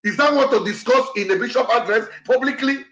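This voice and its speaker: A man's voice: extremely high pitch, a little fast, fairly bright tone, roomy sound, lo-fi sound. A man hosting an online show, speaking in an impassioned, repetitive way that falters when he gets upset. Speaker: show host. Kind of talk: emotional commentary to an online audience.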